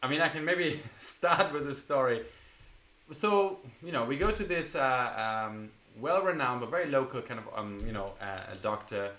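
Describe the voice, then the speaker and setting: A man's voice: medium pitch, lively intonation, normal speed, pushed and bright. Man telling a story in an echoey room. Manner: hesitant, many fillers and restarts. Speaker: vlog co-host. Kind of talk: casual storytelling.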